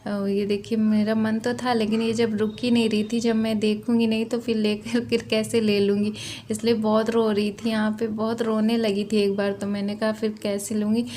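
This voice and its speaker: A woman's voice: a little high, level tone, normal speed, warm tone, slight background noise. A woman vlogger and mother narrating her mall shopping trip in a chatty, repetitive way, often ending phrases with tag questions. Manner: chatty, repeats herself, frequent tag questions. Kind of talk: casual vlog narration over shopping footage.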